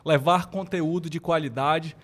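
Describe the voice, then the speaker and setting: Brazilian guy hosting a podcast, higher voice, friendly and keen. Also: steady tone, unhurried. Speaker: podcast host. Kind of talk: casual podcast interview.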